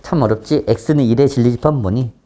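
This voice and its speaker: Teaching math in a brisk, mid-range voice, this man keeps stopping to check that his students understand. His speech shifts between courteous and blunt, punctuated by abrupt, loud exclamations.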